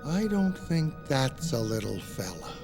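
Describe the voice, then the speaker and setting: An actor playing an anxious, overprotective clownfish father who talks in a nervous, stammering way, heard in a film clip under loud music. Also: mid-range voice, very animated, very slow, exaggerated voice.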